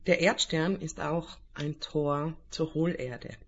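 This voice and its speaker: A man leading a guided spiritual meditation in a calm, soothing, unhurried way with long pauses. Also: fairly high pitch, slightly rough, lo-fi sound.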